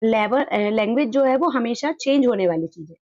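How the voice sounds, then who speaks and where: A woman teaching an exam prep lesson. She explains in Hindi and reads English definitions out slowly. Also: fairly high pitch, expressive, darkish tone, no room sound, lo-fi sound.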